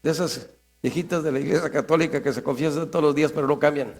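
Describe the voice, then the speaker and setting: A man preaching a sermon in a church, swinging between loud fervent prayer and quiet asides. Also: a little high, fast talker, creaky. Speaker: pastor.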